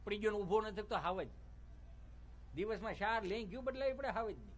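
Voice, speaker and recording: A man's voice: high-pitched, lively intonation, a little fast, slight background noise. A middle-aged male stand-up comedian, telling folksy, teasing jokes to a live audience with preachy asides. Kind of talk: Gujarati stage comedy monologue. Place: stage before a live audience.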